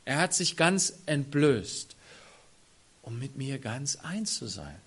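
A man preaching a sermon who speaks straight to his congregation, dropping to near-whispers and then rising to loud, emphatic phrases. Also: mid-range voice, very animated, slow, a little hiss or hum. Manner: addresses the congregation directly.

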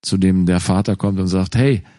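Animated, slow-speaking German-language preacher man. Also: fairly high pitch, no echo, studio quality. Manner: animated, acts out inner voices in quotes. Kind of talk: sermon.

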